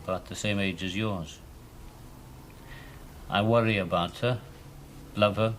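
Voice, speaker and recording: A middle-aged detective in a 1970s TV police drama, probing a suspect with calm, coaxing patience that hardens into pressure. His pitch swings freely. The recording carries a faint hiss.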